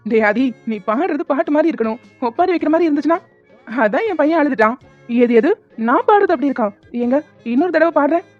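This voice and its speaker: A woman's voice: sits high, lively intonation, fast, faint music behind. A woman voicing a playful young uncle in a cartoon who sings badly and jokes around with the family. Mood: indignant. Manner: teasing, joking. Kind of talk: cartoon voice acting. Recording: dull lo-fi recording.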